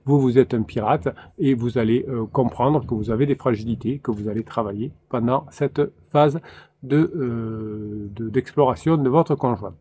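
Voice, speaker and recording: Hesitant male relationship coach, mellow voice. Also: medium pitch, moderate pace, slight background noise. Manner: hesitant, frequent fillers and restarts. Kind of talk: solo coaching talk to camera.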